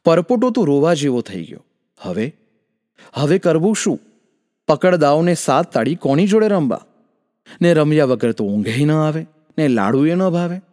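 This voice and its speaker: A man's voice: on the high side, big pitch swings, normal speed, warm tone, long reverb tail. A man telling a folk tale in a rhythmic, sing-song way, with lots of repetition. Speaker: storyteller.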